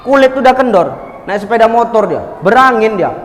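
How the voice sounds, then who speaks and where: A man gives a humorous sermon to a congregation, telling stories lively and bantering with the audience. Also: sits high, a little fast. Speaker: preacher. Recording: echoey hall with long reverb.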